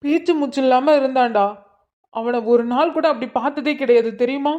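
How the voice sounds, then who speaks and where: A woman's voice: high-pitched, fairly quick, warm tone, dull audio, natural voice. A woman voicing an angry young man who scolds his sister and pleads with his friend, in a cartoon drama. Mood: pleading. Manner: pleading, accusing. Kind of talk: cartoon voice acting.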